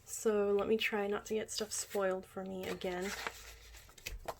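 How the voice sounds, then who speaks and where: A young woman talks casually at a desk mic while unboxing, rambling like an excited fan. She slips between normal chat and breathy little whispers, at a middle pitch. A faint hiss sits under her voice. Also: unhurried. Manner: gushing fan talk, drops into whispers when excited. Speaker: vlogger unboxing a music album.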